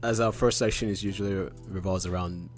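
A man's voice: low-pitched, brisk, faint music behind. A man co-hosting a podcast, chatting casually about money and investing, with lots of "um" and "like". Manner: relaxed, filler-heavy talk about investing. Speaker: podcast co-host.

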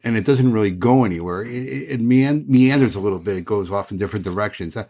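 Low-voiced guy on a podcast, chatty, opinionated, laughs a lot. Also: fast talker, a little mellow. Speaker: podcast host. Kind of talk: casual podcast discussion.

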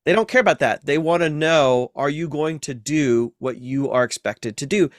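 A man's voice: a little high, normal speed, dry recording, studio quality. A man who is a seminary professor, a guest on a podcast, explaining ideas patiently with everyday comparisons. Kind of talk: explanatory interview talk.

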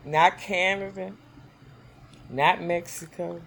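Slow, bright-voiced woman co-host. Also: on the low side, fairly even intonation, creaky. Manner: reactive, teasing, exclamatory. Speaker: podcast co-host. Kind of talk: casual chat.

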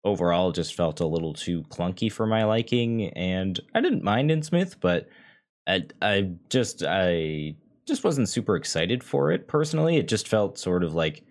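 A man's voice: sits low, sing-song, moderate pace. A man hosting a podcast in casual discussion, in a loose style full of filler words. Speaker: podcast host.

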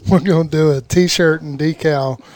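A man's voice: a little high, darkish tone, dry recording. A man with a Southern US accent co-hosting a casual podcast, upbeat, often restarting his sentences. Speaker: podcast co-host.

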